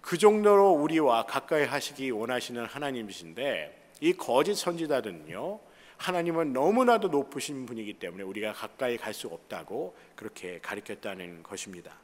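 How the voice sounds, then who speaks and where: Lively-voiced man preaching in a church. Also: medium pitch, moderate pace, big-room sound. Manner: earnest, explanatory preaching with rhetorical questions. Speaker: pastor. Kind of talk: sermon. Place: church sanctuary.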